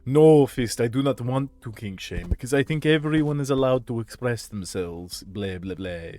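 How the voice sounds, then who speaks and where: A man hosting a casual podcast stream, telling a rambling story with jokes and hushed asides. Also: medium pitch, normal speed, soft background music. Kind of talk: casual chat with live chat.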